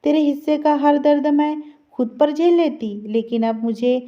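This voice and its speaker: A woman voicing a gentle, sorrowful dying mother in a read-aloud story, with a soft, pleading tone. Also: sits high, fairly even intonation, moderate pace, natural voice. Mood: tender. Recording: slightly dull lo-fi recording.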